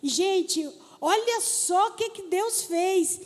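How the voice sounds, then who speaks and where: High-voiced woman pastor preaching in a hall. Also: slow. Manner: animated storytelling preacher, talks to the congregation directly. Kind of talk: sermon. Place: church hall. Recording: church hall with long reverb.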